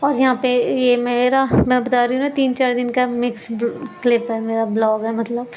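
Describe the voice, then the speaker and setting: A woman's voice: little pitch movement, normal speed. A young mother chatting through a home vlog voice-over in a rambling, self-correcting way. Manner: scolding loudly at high pitch in the clip. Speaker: vlogger and mother.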